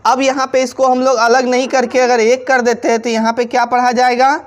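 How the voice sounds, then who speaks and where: A woman's voice: on the high side, level tone, fairly quick. Woman teacher asking and answering herself. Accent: Hindi. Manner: repeats questions to viewers and answers them, spells words letter by letter. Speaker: English pronunciation teacher. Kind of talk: classroom-style video lesson.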